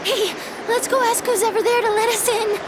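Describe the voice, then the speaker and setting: A woman voicing a shy, gentle teenage schoolgirl in a video game, speaking softly and earnestly. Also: extremely high pitch, steady tone, moderate pace, heavy background noise. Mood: anxious. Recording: game audio with background music.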